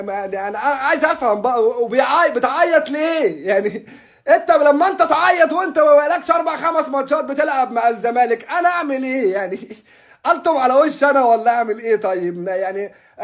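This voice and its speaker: An Egyptian man with an Egyptian Arabic accent, ranting about football as a fan in a casual, exasperated way, stammering and restarting, with bursts of laughter. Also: very high-pitched. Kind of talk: frustrated casual rant.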